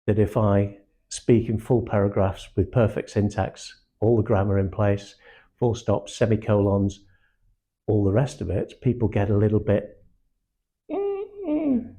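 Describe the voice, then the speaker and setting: Husky-voiced older English sales trainer. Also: male voice, fairly low pitch. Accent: hard-to-place English. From Manchester, England. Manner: blunt and animated, acts out quotes, swears casually. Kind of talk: live training talk to a small group.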